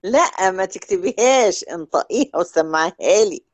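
A woman with an Egyptian Arabic accent teaching Quran recitation one-on-one, stretching example words out slowly and checking in often with short questions. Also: fairly low pitch, animated. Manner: drawls out example words slowly to demonstrate sounds. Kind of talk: one-on-one tajweed lesson.

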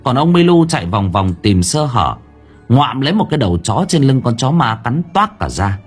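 A man narrating an audiobook in an expressive, dramatic way. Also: mid-range voice, breathy edge. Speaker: storyteller.

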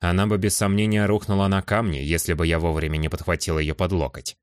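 A male audiobook narrator with a very deep voice, reading fantasy in a calm, measured first-person way. The sound is dry and close, with no room echo.

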